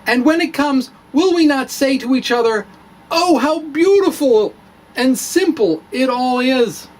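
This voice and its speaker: A science vlogger presents his own blog as a dramatic reading blended with casual show-and-tell, full of theatrical, emphatic phrasing and playful asides. His voice is very high-pitched, animated and darkish, his pace a little slow, and the recording is low quality.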